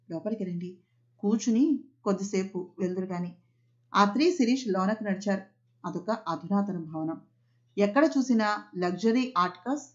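Calm woman narrating a novel. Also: medium pitch. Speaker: audiobook narrator. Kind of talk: novel reading. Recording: slightly muffled audio.

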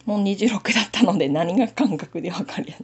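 A woman's voice: medium pitch, fast talker, breathy edge. A woman with a Nanbu Aomori accent, chatting casually to herself while knitting a sock on camera. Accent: Nanbu dialect of Aomori. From Aomori, Japan. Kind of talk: casual knitting tutorial chat.

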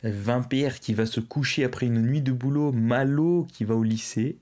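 A man's voice: mid-range voice, normal speed, warm tone. A young man hosting a live stream, casually chatting and reading out viewers' messages. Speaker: livestream host. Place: indoors, at a streaming desk.

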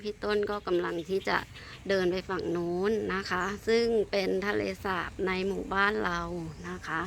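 A woman's voice: mid-range voice, little pitch movement, normal speed, fairly bright tone. A woman co-hosting a casual product demonstration outdoors. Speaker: co-host of a product test. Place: outdoors by a lake. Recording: clear outdoor ambient noise.

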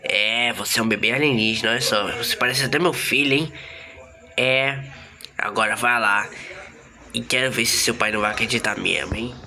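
A man voicing a friendly male alien who talks slowly in a low, calm, sly way. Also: gravelly. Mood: pleased.

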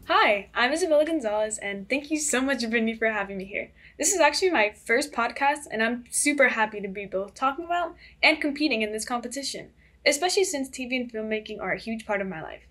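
Teen girl guest on a school podcast, eager, bit rehearsed, higher voice. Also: lively intonation, fast talker, a bit bright, faint music behind. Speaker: student filmmaker guest. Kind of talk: podcast interview.

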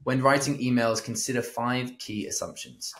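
A man's voice: medium pitch, moderate pace, a bit bright. A man co-hosting a book summary, reading out points and then chatting casually. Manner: reads lists plainly, then chats casually. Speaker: podcast co-host.

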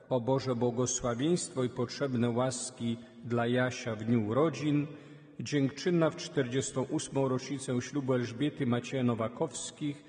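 A man, a priest reading the Gospel and leading the prayers at Mass in a steady liturgical way. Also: medium pitch. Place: large church. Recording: long church reverb.

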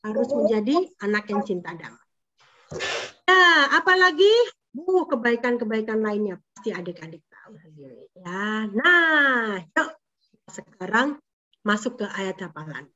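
A woman leading a children's Sunday school lesson, animated and coaxing, often asking the kids questions. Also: fairly high pitch, measured pace. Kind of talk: lively sermon for children. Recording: dull lo-fi recording.

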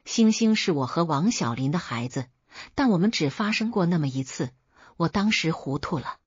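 A woman's voice: on the low side, expressive, normal speed, breathy edge, dry recording, highs cut off. A woman reading the lines of a desperate husband who begs his wife for forgiveness, in a story narration. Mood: pleading. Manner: begging, desperate. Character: pleading adult husband caught lying.

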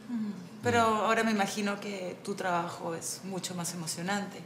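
A woman's voice: medium pitch, little pitch movement, normal speed, noisy background, lightly acted. An actress playing a seductive businesswoman on a date in a telenovela. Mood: flattering. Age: 30s. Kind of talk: telenovela acting. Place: bar. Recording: loud music behind.

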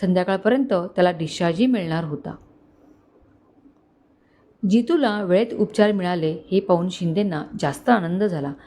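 A woman storyteller narrating a dramatic family story in an expressive, scripted reading. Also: on the low side, moderate pace, pauses often.

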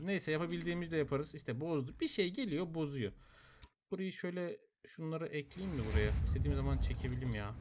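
An excitable young man with a somewhat high voice, narrating his gameplay as it happens. He chatters to the animals on screen and jumps into shrill yelps when things go wrong. A faint hiss of noise sits under the recording. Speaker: gameplay commentator. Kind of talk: live gameplay commentary.

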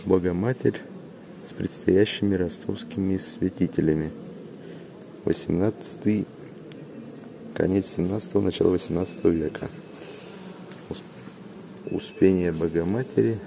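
Guy with a deep voice talking to his camera in a cathedral, echo all round, noisy background. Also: vocal fry. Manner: unhurried, hesitant, with filler sounds. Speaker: travel vlogger. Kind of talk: casual vlog narration, reading signs aloud. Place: inside a large cathedral.

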